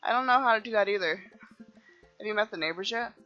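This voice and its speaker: A woman's voice: mid-range voice, fairly quick, sharp tone, lo-fi sound, faint music behind. A woman playing a dating game, reading the dialogue aloud playfully and laughing at her own jokes.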